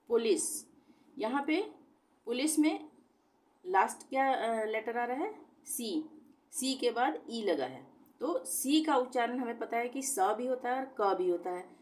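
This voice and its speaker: A woman's voice: on the high side, lively intonation, a little slow. A woman teaching on her own channel, explaining spelling and pronunciation rules step by step, repeating each example word and asking rhetorical questions. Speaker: language teacher. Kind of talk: explaining lesson.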